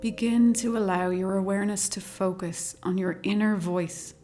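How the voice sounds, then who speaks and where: A woman guides a meditation in a medium-pitched voice, speaking slowly, calmly, and soothingly with long pauses. Meditation music with singing bowls plays in the background.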